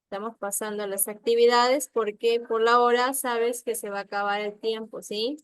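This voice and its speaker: A woman teaching a primary school spelling lesson online, patient and slow, often checking that the students follow and sounding out words syllable by syllable. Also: on the high side, steady tone, clear, resonant tone, no room sound. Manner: slow, patient, checks understanding with frequent questions. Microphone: computer mic on a video call.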